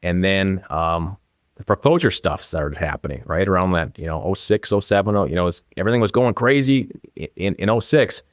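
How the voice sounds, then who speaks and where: Brisk and low-voiced, this man is a northern Minnesota real estate agent in his forties, appearing as an interview guest. He speaks in a casual, anecdotal way with an Upper Midwestern American accent, and the studio-quality recording has no room sound.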